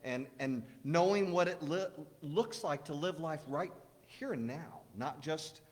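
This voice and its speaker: Middle-aged male pastor, slightly high voice, loose rambling sermon with self-corrections, long church reverb. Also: a little slow. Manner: rambling, warm storytelling with restarts. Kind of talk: casual sermon with jokes. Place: church sanctuary.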